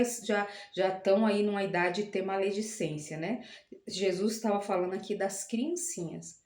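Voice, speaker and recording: A woman's voice: mid-range voice, darkish tone, reverberant. A woman giving an informal, chatty Bible meditation, often tagging her sentences with questions and laughing at herself. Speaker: Bible teacher.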